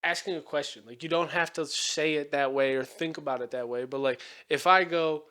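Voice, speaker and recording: A man's voice: a little high, steady tone, brisk, sharp tone. A young man hosting a casual podcast chat, rambling with lots of fillers and frequent swearing. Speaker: podcast host.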